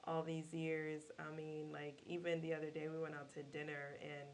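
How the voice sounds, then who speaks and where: A woman co-hosting a casual podcast, relaxed and laughing easily. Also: low-pitched, moderate pace. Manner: warm-hearted, laughing, relaxed. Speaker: podcast co-host. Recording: faint hiss.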